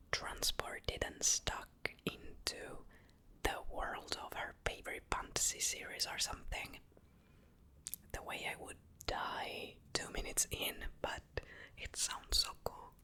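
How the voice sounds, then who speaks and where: A woman whispering softly into a close mic, chatting about books in a gentle, unhurried way. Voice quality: soft whisper. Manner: slow, gentle, chatty with tapping sounds. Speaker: booktuber. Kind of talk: whispered ASMR book chat.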